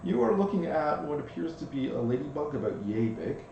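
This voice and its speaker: A man's voice: a little high, sing-song, fairly quick, gravelly, dark tone, lo-fi sound. Male game master in very echoey room. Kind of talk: improvised tabletop game narration. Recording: very echoey room, faint noise.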